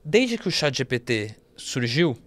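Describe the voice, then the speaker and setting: A man's voice: mid-range voice, a little slow. A man from Brazil, a guest at an investment firm, talking through ideas in a casual podcast interview with lots of fillers and restarts. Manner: animated, explanatory, many fillers and restarts.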